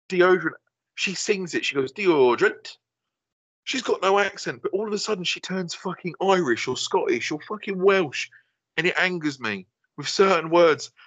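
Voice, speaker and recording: A man's voice: high voice, fairly bright tone, no room sound. A man co-hosting a podcast, ranting in exasperation and swearing often. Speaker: podcast co-host. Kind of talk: casual banter. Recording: dull dry lo-fi podcast audio.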